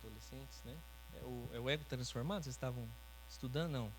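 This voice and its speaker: A pastor with a medium-pitched voice preaches quickly in a teaching sermon, talking conversationally with the congregation and often checking in on them. Many of his phrases end in "né?", and a faint mains hum sits under the recording.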